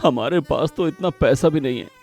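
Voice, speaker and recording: A man's voice: a little high, moderate pace, a little mellow, faint music behind, close to an everyday voice. A man voicing a poor, worried village father in a cartoon story, earnest and anxious.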